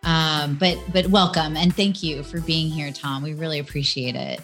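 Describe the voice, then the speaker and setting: A woman co-hosts an interview in an office, speaking in a lowish voice. She is chatty and friendly, leaning on fillers as she goes. Music plays clearly beneath her. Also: fairly even intonation, moderate pace, a bit bright. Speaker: podcast co-host. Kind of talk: conversational interview.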